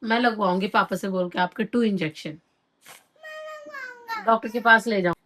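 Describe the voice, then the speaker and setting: A woman's voice: mid-range voice, normal speed, fairly bright tone, slight background noise. A mother filming a casual family vlog at home, firmly scolding her children and then chatting with viewers.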